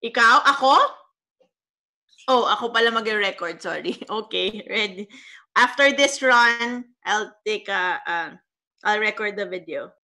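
Bright Filipino woman organizing a dance class. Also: medium pitch, measured pace. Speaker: dance teacher.

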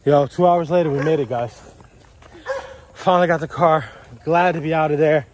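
A man's voice: a little high, normal speed. A man, a father, vlogging a family walk in the woods; he talks jokingly and sounds out of breath. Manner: jokey, animated, teasing. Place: outdoors in woods.

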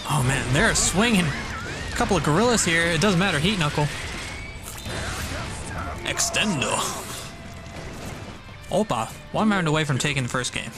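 A man doing live play-by-play commentary on a fighting game tournament, jokey and excitable, munching on food as he talks. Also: a little high, normal speed, long pauses. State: eating while talking. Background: music playing behind.

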